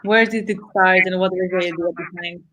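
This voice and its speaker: A woman's voice: fairly low pitch, steady tone, fairly quick, fairly bright tone, slight background noise, rough recording. Woman guest on a video call. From Greece. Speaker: guest, architect. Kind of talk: casual conversational interview.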